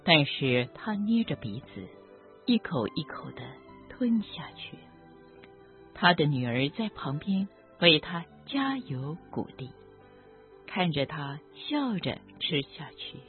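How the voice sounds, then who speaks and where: A doctor telling a story about a patient in a gentle, measured, reflective narration. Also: medium pitch, sing-song. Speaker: doctor treating cancer patients. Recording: tinny phone-like audio with faint background music.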